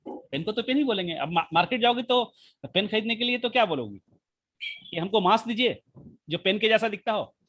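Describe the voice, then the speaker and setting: Male physics teacher, husky voice, very lively sing-song delivery, repeats himself, keeps asking "right?", mic close to mouth. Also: sits high, brisk. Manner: repetitive, checks in constantly with rhetorical questions. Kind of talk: live online class lecture. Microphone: mic held right at the mouth.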